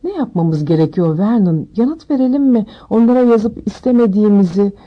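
A woman's voice: mid-range voice, lively intonation, fairly quick, lo-fi sound, pitched above the performer's own voice, lightly acted. A woman voicing an anxious, prim middle-aged aunt who speaks shakily and fretfully. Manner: shaky, fretful.

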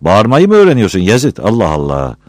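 A man voicing a poor, quick-tempered young villager who answers back scornfully. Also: lowish voice, wildly swooping pitch, darkish tone, dry recording, clean studio sound, pitched above the performer's own voice. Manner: brash, scornful.

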